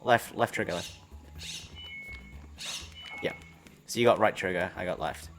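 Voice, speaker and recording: A man's voice: low-pitched, a little slow, music in the background. A man hosting a casual gaming livestream, reading out quiz questions, laughing easily and upbeat. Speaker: livestream host and quiz master.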